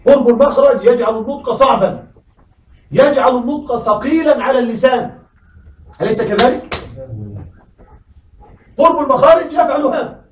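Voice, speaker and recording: A man teaching a classroom lesson. He keeps asking his students questions and says words slowly, over and over. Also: very high-pitched, roomy sound, far from the mic, a little hiss or hum, low-quality recording.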